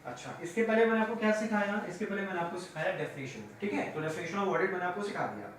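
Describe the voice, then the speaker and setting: A high-pitched male teacher lectures on audit terms, asking his class questions and answering them himself. His voice rings through a very echoey room, picked up from a distance with faint noise behind. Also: quick pace.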